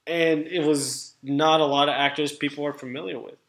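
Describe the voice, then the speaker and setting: A man talks movies in a casual, excited way, often restarting his sentences. His voice is bright and ringing. The room around him is echoey. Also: on the high side, moderate pace, gravelly.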